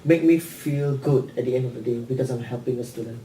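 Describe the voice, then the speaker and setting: A man, a counselor and career advisor, talking haltingly in a workplace supervision meeting and often repeating words. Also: medium pitch, mellow, slight background noise. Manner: halting, repeats words, leans on "you know". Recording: echoey room, mic at a distance.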